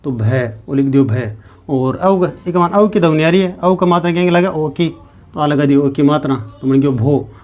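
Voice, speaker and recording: A man's voice: fairly high pitch, moderate pace, darkish tone. A man teaching a grammar lesson, repeating each step and answering his own questions. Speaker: Sanskrit teacher.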